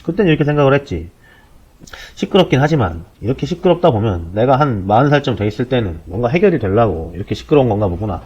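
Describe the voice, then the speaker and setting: A man in his forties talks through the topic like a podcast host, blunt and sardonic, his pitch rising and falling a lot as he rattles along quickly. The sound is a dull, low-bitrate recording. His tone is casual and slangy throughout. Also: very animated, a little mellow, slightly rough. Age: 40s. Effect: low-quality compressed audio. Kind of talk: casual explanatory monologue.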